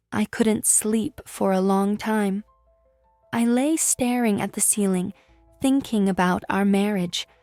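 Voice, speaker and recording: A woman reading a first-person story in a calm, measured narration. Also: mid-range voice, no room sound.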